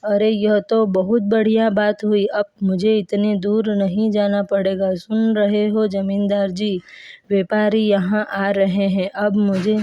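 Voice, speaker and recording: A woman's voice: medium pitch, flat delivery, a little slow, no echo, highs cut off, close to an everyday voice. A woman voicing a wealthy, honest male merchant in a cartoon story, polite and moralizing.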